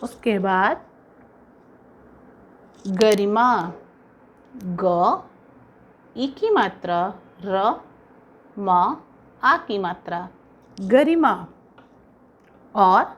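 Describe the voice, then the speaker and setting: A woman teacher slowly spelling out words sound by sound for young children, patient and instructive. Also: mid-range voice, very animated. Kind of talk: slow, careful classroom dictation for young children.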